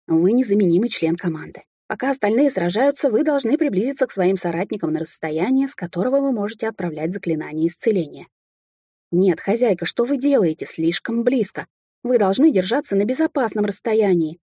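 A woman's voice: mid-range voice, expressive, warm tone, breathy edge, no room sound, studio quality. A woman voicing a fussy, anxious male raccoon familiar who nags and pleads in a rush. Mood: anxious lecturing. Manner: urgent, pleading, fast-talking.

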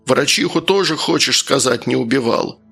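A man voicing an angry, bullying village man who grumbles and shouts. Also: mid-range voice, moderate pace, creaky, slightly rough, soft background music. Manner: aggressive, grumbling, raised voice.

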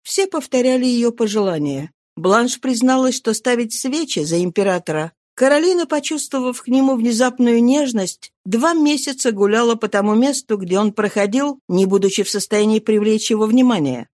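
A woman narrating an audiobook of a classic novel in a steady, measured voice. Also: on the high side, no room sound, clean studio sound. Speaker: audiobook reader.

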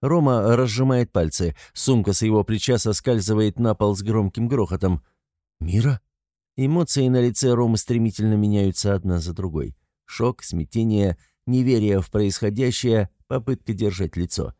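A man's voice: on the low side, moderate pace, mellow, no room sound, studio quality. A middle-aged man narrating a first-person audiobook in a wry, teasing manner.

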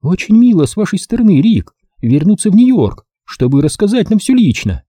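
A man's voice: high voice, big pitch swings, normal speed, dark tone, breathy edge, no room sound, clean studio sound, voice pushed up, full character voice. A man voicing a cooing, flirtatious woman film star who speaks in a coaxing, sugary way, in an audiobook.

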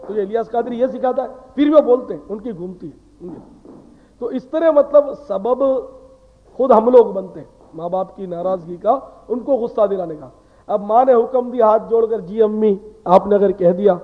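A man giving a sermon, talking in an earnest, conversational way that lectures and asks rhetorical questions. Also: high-pitched. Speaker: preacher. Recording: tinny phone-like sound with long hall reverb.

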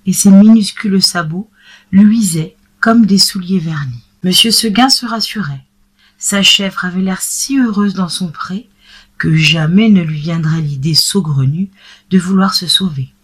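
A woman calmly narrating a classic tale in a measured storytelling manner. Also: mid-range voice, husky.

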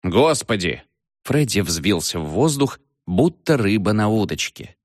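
A man narrating a comic novel as an audiobook in an expressive reading style. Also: fairly low pitch, a little slow, dry recording, clean studio sound. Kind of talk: scripted narration.

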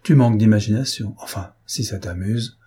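A man voicing a sly, cocky gentleman thief who teases his captors in an ironic, lively tone, in a read-aloud novel. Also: on the low side, moderate pace, slightly rough. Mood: mocking.

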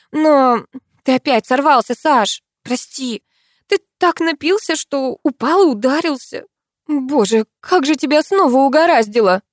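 A sugary, scheming young woman, as a woman reading aloud puts her on, talking in a high, bright, coaxing voice. She pours on sweetness with every word. The reading is close and dry, as in an audiobook. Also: no room sound.

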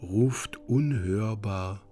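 A male actor with a lowish voice narrates dreamlike stage directions for a literary radio drama, reading slowly, deliberately, and in a measured way. His tone is hushed and solemn, and he speaks over music.

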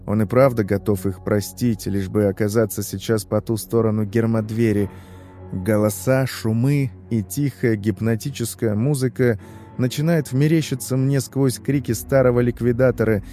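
A man reads a first-person horror story in a tense, measured voice. His tone is dark and mellow at a middle pitch. Faint music plays softly behind him. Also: fairly even intonation. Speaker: narrator.

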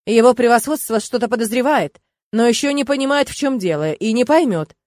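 A woman's voice: a little high, brisk, a little mellow, no room sound, studio quality, lightly acted. A woman reading the part of a haughty, menacing count who speaks with scorn and pressure in an audiobook. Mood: scornful. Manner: contemptuous, pressing.

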